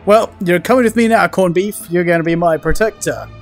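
A man's voice: high-pitched, quick pace, faint music behind. A man giving casual, jokey commentary while playing a video game, talking to objects and characters on screen. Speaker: let's play gamer.

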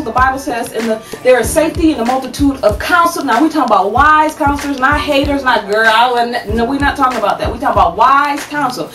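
A woman in her thirties giving relationship advice to her webcam at home, animated and preachy, checking in with "okay?" again and again. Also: high-pitched, reverberant, recorded from a distance, low-quality recording. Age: 30s. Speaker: advice vlogger. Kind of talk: casual advice talk to camera. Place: small room at home, indoors. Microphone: webcam at desk distance.

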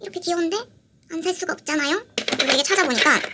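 A young woman vlogging as she unboxes merchandise, gushing and excitable, repeating how cute everything is. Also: extremely high pitch, quick pace. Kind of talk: casual unboxing vlog. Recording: audible background noise with crinkling packaging.

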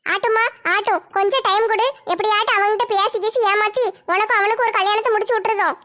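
A woman's voice: very high voice, steady tone, fast talker, fairly bright tone. A woman voicing a sly, scheming woman who coaxes sweetly in a comedy sketch. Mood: coaxing. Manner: coaxing, soothing.

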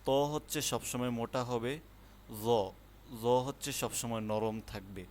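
Slow, patient Bangladeshi man teaching letters. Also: medium pitch, a little hiss or hum. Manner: slow, patient, drawn-out letter sounds for pronunciation; repetitive explanations to students. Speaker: Arabic alphabet teacher. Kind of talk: online lesson.

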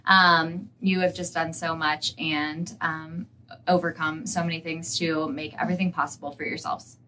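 A woman's voice: sits low, level tone, moderate pace, pushed and bright, slight background noise. A young woman on the school staff, hosting a celebratory video message indoors and talking eagerly with many fillers. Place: indoor school room, seated side by side.

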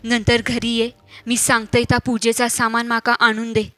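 A woman voicing a calm older village woman who performs rituals, coaxing and soothing, with a Malvani accent. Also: on the high side, moderate pace, no room sound, lightly acted.

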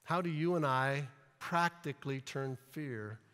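A man preaching from a church platform, his voice bright and ringing with a slightly raised pitch. He speaks slowly and deliberately, leaning into emphatic lines and acting out scenes in playful asides. The sound carries a long reverb from the sanctuary. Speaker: pastor. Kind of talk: sermon.

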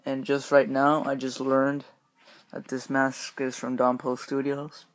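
A man's voice: mid-range voice, completely flat delivery, unhurried, dry recording. Young man talking through a rubber mask. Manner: rambling, filler-heavy, upbeat. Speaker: YouTube reviewer. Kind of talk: casual review vlog.

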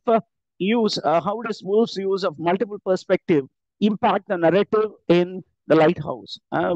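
A middle-aged man, working through exam questions as a teacher, asking each question and then answering it with many "uh" pauses. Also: high-pitched, darkish tone, no room sound, dull audio. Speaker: English teacher. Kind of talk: exam-prep lecture.

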